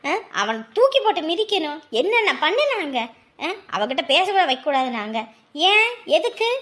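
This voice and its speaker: A proud, quarrelsome village mother in a family drama, acted by a woman. Her voice sits very high. She scolds and pleads with raw emotion. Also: sing-song, moderate pace, a bit bright, heavily acted. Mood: bitter complaint. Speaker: mother of the groom. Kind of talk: Tamil family drama acting.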